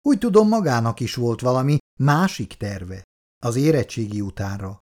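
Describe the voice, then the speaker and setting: A man's voice: medium pitch, lively intonation, a little mellow, close to an everyday voice. A man reading aloud as a formal, probing schoolteacher.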